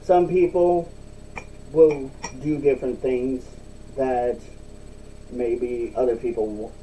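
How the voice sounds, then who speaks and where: Dark-voiced man talking around a tobacco dip. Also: fairly even intonation, takes it slowly. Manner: talking with chewing tobacco packed in the lip. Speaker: video blogger. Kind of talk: casual solo vlog talk, rambling explanation. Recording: distant mic, faint rumbling background noise.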